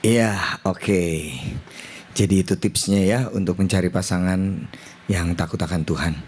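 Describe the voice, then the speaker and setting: A man hosts an online service and casually passes a question on to the preacher over a video call. His voice sits a little low, and he leans on easy fillers as he talks. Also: steady tone, unhurried, darkish tone. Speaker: service host.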